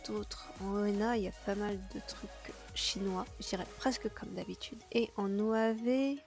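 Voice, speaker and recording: A young woman hosting a casual video, chatting through a season's releases with fillers and quick asides. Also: medium pitch, vocal fry, darkish tone, soft background music. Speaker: anime video host.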